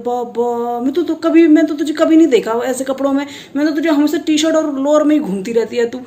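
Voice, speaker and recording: Woman voicing a middle-aged male tailor, Garhwali-accented Hindi, high, teasing scold. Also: a little fast, dark tone, slight background noise, lightly acted. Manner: scolding, teasing, folksy slang.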